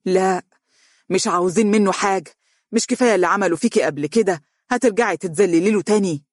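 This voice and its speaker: An anxious middle-aged mother with an Egyptian accent, as an audiobook narrator puts her on. She talks quickly and worriedly, in a dry close recording. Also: fairly low pitch, darkish tone, husky, dry recording.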